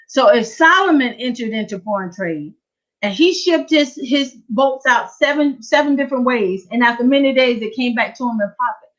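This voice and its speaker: A woman giving a lively testimony at a church prayer service, telling her story with animated energy. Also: fairly high pitch, moderate pace. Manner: lively storytelling, acting out her own excitement. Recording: dull lo-fi church livestream.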